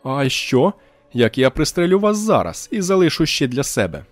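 A man reading an audiobook, putting on a higher voice for a touchy, self-satisfied male technician who bursts out indignantly. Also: expressive, brisk, a little mellow, no room sound, soft background music, natural voice. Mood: wary. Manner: shrill, indignant outbursts.

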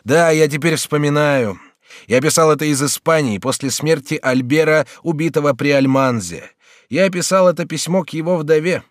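Reading an audiobook, a man voices a kindly, easily moved middle-aged prince regent, raising his natural voice a little above its usual pitch at normal speed. The regent exclaims and questions with warm, agitated emotion, captured in a dry, clean studio recording.

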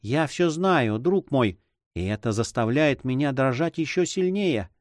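Man doing anxious young woman, soft and fearful, raised lilting voice, dry close sound. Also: mid-range voice, expressive, measured pace, no echo, pitched above the performer's own voice, close to an everyday voice. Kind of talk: audiobook reading.

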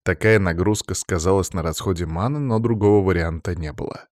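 A man narrating a fantasy audiobook in the first person with steady, measured storytelling. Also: deep voice, no echo, clean studio sound.

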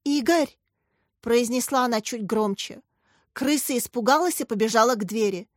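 A woman's voice: a little high, moderate pace, no echo, clean studio sound, natural voice. A woman voicing a flustered young woman teacher in a storybook reading, with an alarmed, pleading manner.

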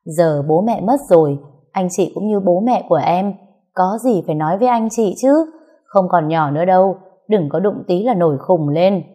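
A woman's voice: on the low side, normal speed, mellow, lightly acted. A woman voicing a smug, bullying grown man who mocks and needles his sister-in-law in an audio story. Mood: taunting. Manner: mocking, needling.

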